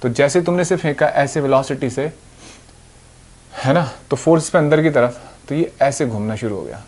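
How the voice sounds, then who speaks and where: A man's voice: medium pitch, normal speed, darkish tone. A young man teaching physics. He explains step by step and keeps checking that his students are following. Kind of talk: whiteboard physics lesson.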